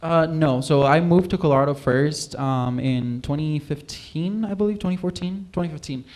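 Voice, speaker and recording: A man's voice: fairly high pitch, normal speed, darkish tone. A young man from Puerto Rico, a singer, chatting casually as a guest in a livestream interview, rambling with many fillers. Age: young adult.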